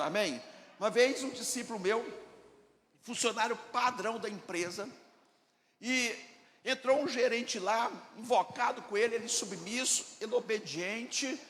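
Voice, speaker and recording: This pastor's voice sits high, with lively intonation, normal speed, and a slightly bright tone against a little background noise. Preaching in Brazilian Portuguese, the Brazilian man is emphatic, quizzing the congregation and playing out dialogues, all captured in an echoey church hall with faint ambience.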